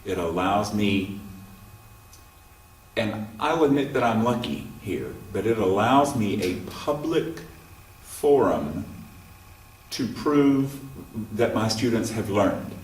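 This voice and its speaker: A man who teaches music at a college speaks in an interview, measured and pausing often with ums. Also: on the low side, expressive. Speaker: college music professor and choir director. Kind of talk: interview monologue. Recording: roomy sound from a distant mic.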